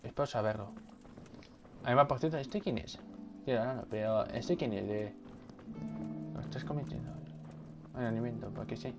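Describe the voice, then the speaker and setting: Man muttering low over gameplay at night, soft music under. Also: normal speed, gravelly, pauses often. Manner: speaking quietly, muttering to himself. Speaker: gameplay video creator. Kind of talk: casual gameplay commentary. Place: home at night.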